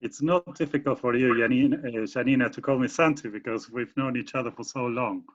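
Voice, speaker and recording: A man's voice: mid-range voice, a little fast. Argentine man on a video call. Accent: Argentine Spanish. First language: Spanish. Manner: explanatory, with many fillers and restarts. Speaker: guest speaker, university professor. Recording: muffled video call audio.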